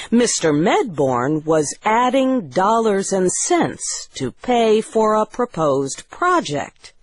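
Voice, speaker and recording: A woman narrating a story in a slow, deliberate reading voice with clear phrasing. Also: fairly low pitch, dry recording.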